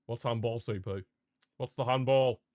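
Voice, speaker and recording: This football streamer speaks at normal speed in a medium-pitched, darkish voice with fairly even intonation, recorded cleanly in a studio with no echo. He reacts live to the match, ranting with passion and frustration and addressing his chat viewers.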